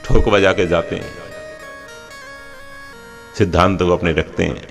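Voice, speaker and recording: A man's voice: low-pitched, steady tone, measured pace, vocal fry, faint music behind. A man preaching a devotional sermon, telling scripture stories in a homely, anecdotal way with humorous asides. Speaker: religious preacher.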